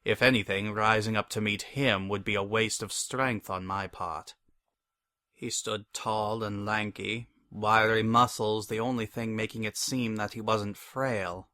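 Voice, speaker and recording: Low-voiced man, hammy dramatic narration. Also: bright, forceful tone, no echo. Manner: hammy, theatrical, deliberate. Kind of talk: dramatic scripted story narration.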